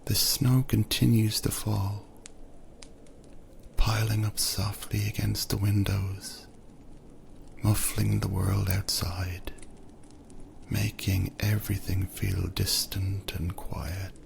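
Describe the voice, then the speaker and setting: A man narrating a second-person sleep story in a soft, soothing voice that often drifts into whispers. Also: on the low side, little pitch movement, takes it slowly, creaky, pauses often, a little hiss or hum.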